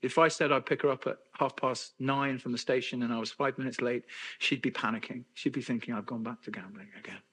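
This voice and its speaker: Candid, bright-voiced middle-aged man. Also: medium pitch, flat delivery, brisk. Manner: candid, conversational, self-deprecating humor. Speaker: conference speaker. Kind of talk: personal testimony talk.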